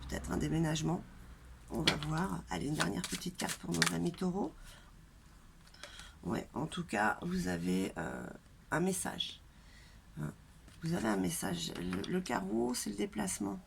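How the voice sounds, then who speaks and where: A woman's voice: fairly low pitch, very animated, moderate pace, creaky. A woman with a nasal, congested voice and a blocked throat, giving a casual, chatty tarot reading straight to viewers in a hesitant manner. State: congested throat, coughing and throat-clearing. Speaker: tarot reader and channel host. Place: outdoors in a light wind. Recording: noisy outdoor recording with wind.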